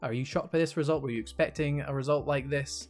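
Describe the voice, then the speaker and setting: A young man gives a quick voice-over recap as the host of his own channel. His voice sits at an ordinary middle pitch and drops away at the end of each line. Faint music plays underneath. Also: fairly even intonation, a little mellow. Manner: brisk recap, trailing off at line ends. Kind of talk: match review voice-over.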